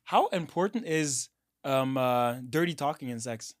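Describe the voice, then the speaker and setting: A young man co-hosting a podcast in casual chat, slangy and quick with short interjections. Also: mid-range voice, expressive, no room sound, clean studio sound. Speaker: podcast co-host.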